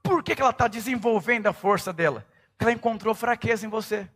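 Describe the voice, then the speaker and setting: A middle-aged man preaching a sermon as a pastor, emphatic and rising to shouts at his peaks. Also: high voice, quick pace, breathy edge.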